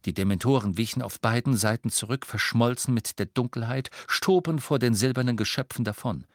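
A man narrating an audiobook in a steady storytelling voice. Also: mid-range voice, brisk, dry recording, clean studio sound. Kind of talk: scripted narration.

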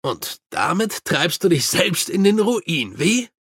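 A man voicing a gruff middle-aged watch sergeant who speaks in a dry, clipped, ironic way in an audiobook. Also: a little high, expressive, a little slow, no echo. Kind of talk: audiobook character voice.

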